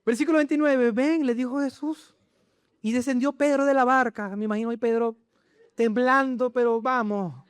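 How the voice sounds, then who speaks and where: A man preaching a sermon in church, animated and full of rhetorical questions to the congregation. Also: very high-pitched, moderate pace, clear, resonant tone, no echo. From Chile. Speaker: pastor.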